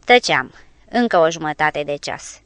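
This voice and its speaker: Smooth, clear woman audiobook narrator. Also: deep voice, animated, dry recording.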